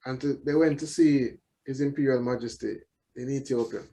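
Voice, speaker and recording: A man with a Jamaican accent chatting casually as an interview guest, reflective and halting, often repeating his words. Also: mid-range voice, fairly even intonation, dark tone, slight background noise. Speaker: musician guest.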